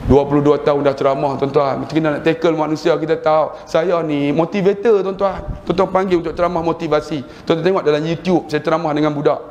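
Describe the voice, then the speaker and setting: A middle-aged man with a Malaysian Malay accent preaches to a gathered congregation. He tells his stories with animated humor and slips into other people's voices as he goes. His voice rings through a roomy hall over a faint bed of ambience. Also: a little high, quick pace, hardly any pauses, a little hiss or hum. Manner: animated storytelling, acting out quoted voices with humor. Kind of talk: religious lecture to a congregation.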